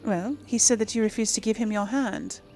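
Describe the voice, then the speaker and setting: A woman with a mid-range, somewhat dark voice speaks a little quickly as she hosts a laid-back game role-play video, thinking out loud and playfully acting out her own dialogue options. Faint background noise can be heard.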